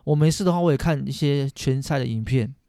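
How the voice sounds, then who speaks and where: A Taiwanese-accented man in his thirties speaks frankly and casually, full of slang and repetition. The voice is warm and relaxed yet moves fast, recorded dry and close. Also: medium pitch, creaky, dry recording. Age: 30s. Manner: blunt, slangy, repeats himself.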